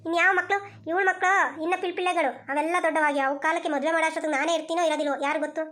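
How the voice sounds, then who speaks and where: A woman's voice: very high voice, fairly even intonation, racing, a bit bright. A woman voicing a stubborn, quarrelsome elderly mother-in-law in a village cartoon, who talks insistently and repeats herself. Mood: smug. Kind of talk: cartoon voice acting.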